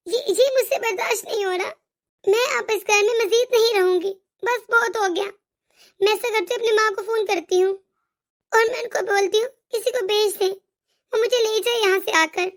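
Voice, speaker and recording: A woman voicing a young daughter-in-law in an animated moral story, complaining and pleading. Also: very high-pitched. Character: young wife, hurt and fed up.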